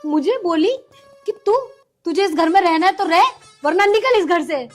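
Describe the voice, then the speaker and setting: An actress playing a patient, pleading young daughter-in-law in a village film drama. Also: female voice, very high voice, expressive, normal speed, faint music behind. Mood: hurt. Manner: pleading, long-suffering.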